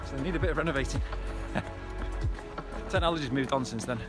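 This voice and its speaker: A man's voice: mid-range voice, rapid-fire, music in the background. A man chatting casually to viewers as he runs outdoors, in a conversational, encouraging vlog style. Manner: conversational, talking while out on a run. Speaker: running vlogger. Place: outdoors on a hillside trail by reservoirs.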